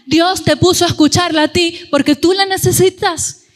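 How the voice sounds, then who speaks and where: A middle-aged woman preaching a sermon in a church, telling stories in a lively way and acting out the voices of the people in them. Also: very high-pitched, normal speed, in a large hall. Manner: animated storytelling, acting out quoted voices.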